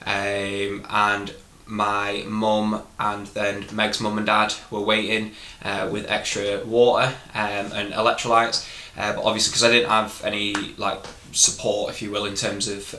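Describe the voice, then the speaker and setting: A man's voice: on the low side, monotone, unhurried, sharp tone. A man with a Northern English accent recounting things casually to camera as a vlogger, candid and a little hesitant, in a roomy echoing recording. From northern England.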